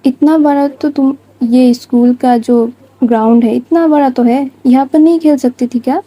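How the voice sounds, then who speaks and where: A woman's voice: high-pitched, fairly even intonation, normal speed, warm tone, low-quality recording. A woman voicing a caring but bossy young woman who scolds and fusses over someone in a story. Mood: fussing. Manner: scolding, fussing, insistent.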